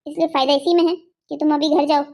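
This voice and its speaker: Cartoon villain: woman playing a sneering male kidnapper, high and soft-toned, taunting. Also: little pitch movement, fairly quick. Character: swaggering male sword-wielding kidnapper, mocking.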